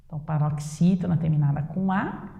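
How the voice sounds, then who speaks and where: A woman teacher with a Brazilian Portuguese accent, giving a grammar lesson slowly and emphatically, posing rhetorical questions. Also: sits low, gravelly, dark tone. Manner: slow, drawn-out emphatic explanation with rhetorical questions. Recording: echoey room with long reverb.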